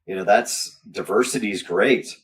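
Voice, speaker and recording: A man chatting casually as he recounts things, halting and rambling, often trailing off mid-sentence. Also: on the low side, far from the mic. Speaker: guest, business owner recounting an incident.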